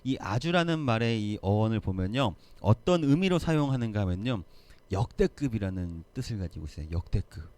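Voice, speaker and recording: A man's voice: fairly low pitch, brisk, dry recording. A man preaching a sermon to a youth group, asking the listeners questions and acting out the scenes he describes. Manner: animated, asks the listeners questions, acts out quotes. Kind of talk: sermon to teens.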